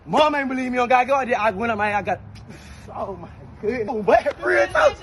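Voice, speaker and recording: A young man in his twenties ranting loudly and boastfully in a comedy skit, with heavy profanity. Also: very high voice, lively intonation, fairly quick, some chatter behind, a little hiss or hum. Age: 20s.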